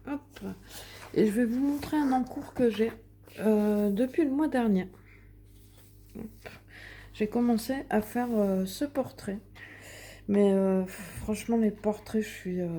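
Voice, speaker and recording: Mellow-voiced woman chatting casually. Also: mid-range voice. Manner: chatty, hesitant, many fillers and restarts. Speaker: coloring vlogger. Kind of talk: casual show-and-tell vlog. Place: at home in front of a window.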